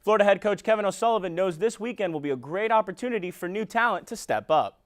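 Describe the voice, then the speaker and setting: A man's voice: sits high, expressive, fast talker. A young man working as a sports anchor, reading a scripted local TV news sports report.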